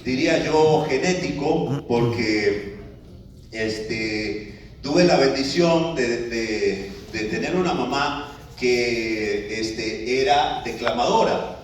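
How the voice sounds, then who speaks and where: A man with a medium-pitched voice gives a live talk to an audience at a slow pace. His delivery is conversational, full of filler words and restarts. The recording picks him up from a distance in an echoey room, with a little hiss or hum.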